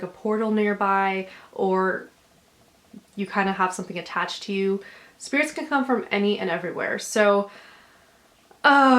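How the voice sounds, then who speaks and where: A chatty young woman with a medium-pitched voice and native English hosts her channel, rambling casually with lots of fillers while reading subscriber stories. Her manner is gently reassuring throughout.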